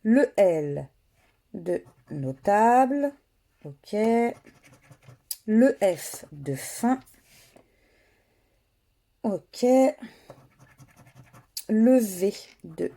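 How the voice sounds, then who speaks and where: A woman giving slow, methodical running commentary as she scratches lottery tickets, spelling out letters one by one. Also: mid-range voice, big pitch swings, vocal fry, dark tone.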